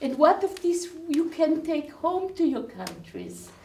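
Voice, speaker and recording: A woman's voice: high voice, big pitch swings, a little slow, dark tone, slight background noise. A woman leading a group, speaking emotionally with sighs and tears in an earnest address. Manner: tearful, sighing, earnest. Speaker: camp leader. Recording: roomy hall from a distance.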